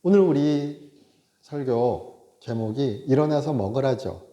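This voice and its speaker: A male pastor delivers a Sunday sermon in a loose, conversational way, peppering his lines with short affirmations. His voice is dark and mellow at a middling pitch. The sound carries the reverb of a roomy church sanctuary. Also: slow, highs cut off. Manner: conversational preaching with frequent interjected "yes"; animated, acts out God scolding in raised voice. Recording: echoey church hall.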